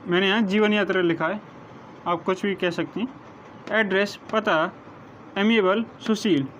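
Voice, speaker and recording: A man with a high voice works through a vocabulary list as a teacher, giving one meaning after another and spelling words out letter by letter. The recording is dull and lo-fi, with a faint hiss underneath. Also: steady tone, fairly bright tone. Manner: slow, measured dictation, spelling words letter by letter. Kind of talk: vocabulary lesson, reading word meanings. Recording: dull lo-fi sound with faint noise.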